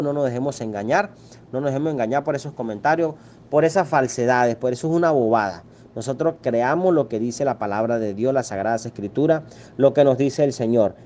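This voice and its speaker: Priest, man, middle-aged, mid-pitched, preaching with forceful rhetorical questions. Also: a little hiss or hum. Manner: emphatic preaching, rhetorical questions, acts out quoted voices. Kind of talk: sermon.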